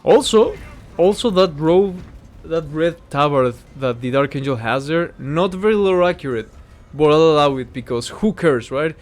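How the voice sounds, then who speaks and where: A man's voice: on the high side, lively intonation, normal speed. A man giving casual, rambling game commentary while he plays, easily sidetracked by the action. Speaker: gaming video host. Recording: clear background game noise.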